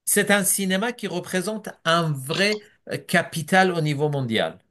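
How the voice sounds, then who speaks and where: A man interpreting a speaker's remarks in a webinar, relaying each point in measured, formal phrasing with small hesitations. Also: on the high side, lively intonation, fairly bright tone, a little hiss or hum.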